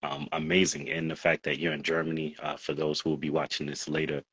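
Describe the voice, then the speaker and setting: Deep, husky male host, friendly and upbeat, sometimes using uh and um. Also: flat delivery, fairly quick, a bit bright, highs cut off. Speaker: interview host. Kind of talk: casual interview.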